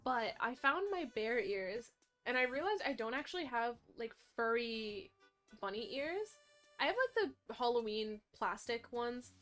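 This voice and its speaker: A young woman, chatting casually and rambling with her stream audience, animated and often correcting herself. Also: fairly high pitch, unhurried, faint music behind.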